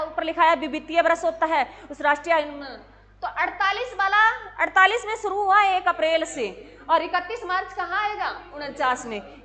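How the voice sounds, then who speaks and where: A woman teacher with a high voice runs an exam-prep lesson. She fires off questions and answers them herself, repeats key facts and addresses her students as "my children". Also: sharp tone. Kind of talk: exam-prep classroom lecture.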